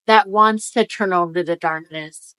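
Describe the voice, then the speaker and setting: A woman's voice: on the low side, moderate pace, a bit bright, clean tone. Woman talking out of the mouth's corner, numb-lipped. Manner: encouraging, emphatic. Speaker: spiritual energy-reading video host. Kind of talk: casual motivational talk to viewers.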